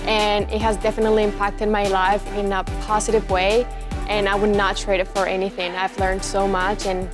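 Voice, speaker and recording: A young woman from Ecuador, a student athlete, speaking earnestly about her college life. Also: medium pitch. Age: young adult. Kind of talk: interview talk. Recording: music bed underneath.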